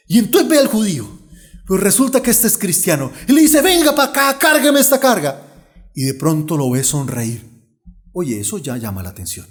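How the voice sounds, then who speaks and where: A middle-aged man, a pastor preaching a sermon and telling stories with lively acted-out dialogue. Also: a little high. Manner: animated storyteller, acts out dialogue.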